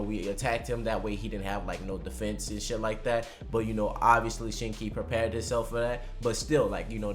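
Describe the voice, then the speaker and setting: A man giving casual, unscripted preview commentary and predictions, talking in a slangy, conversational way and swearing freely. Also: lowish voice. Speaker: anime commentary vlogger.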